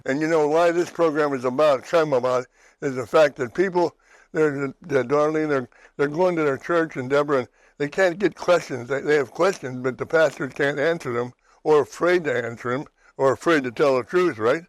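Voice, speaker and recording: A man's voice: on the high side, moderate pace, no echo, low-quality recording. Pennsylvania guy hosting a faith show, rambly, keeps restarting, dry sound. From western Pennsylvania, USA. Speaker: talk show host. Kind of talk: personal testimony chat.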